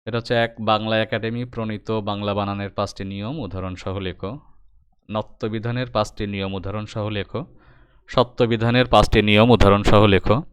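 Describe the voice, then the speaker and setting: A man's voice: on the low side, steady tone, moderate pace, clean tone, dry recording, studio quality. A man teaching a recorded exam-prep lesson, patiently explaining step by step and addressing his students directly.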